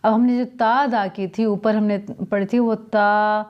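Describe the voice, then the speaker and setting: A woman's voice: medium pitch, level tone, a little slow, dull audio. A woman teaching Quran letter pronunciation, sounding out each letter carefully and explaining patiently. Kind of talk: slow letter-by-letter recitation lesson.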